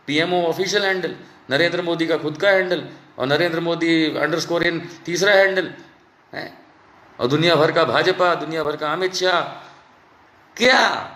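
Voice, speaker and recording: A man's voice: a little high, a bit bright, reverberant. A man giving an angry political rant, mocking and scolding in a sarcastic way. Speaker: political commentator.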